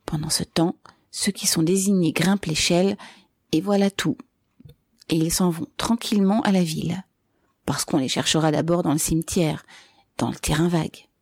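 A woman narrating a novel aloud in a measured, clear storytelling manner. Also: fairly low pitch, fairly even intonation, darkish tone, no room sound, studio quality. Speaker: reader. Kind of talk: scripted narration.

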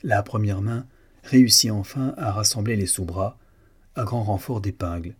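A man reading a novel aloud as audiobook narrator, in a measured, even storytelling manner. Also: lowish voice, breathy edge.

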